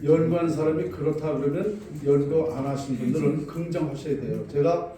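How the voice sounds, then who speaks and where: Older male lecturer, fairly high and mellow, insistent; echo-laden room. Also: brisk. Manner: assertive, insistent. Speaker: feng shui lecturer. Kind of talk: lecture question-and-answer. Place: large echoey room with an audience. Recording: very echoey hall, distant mic, faint noise.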